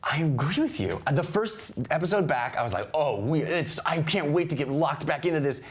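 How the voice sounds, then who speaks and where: A man's voice: a little high, expressive, normal speed, slight background noise. A man co-hosting a casual review show, explaining his views earnestly and at length. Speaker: show co-host.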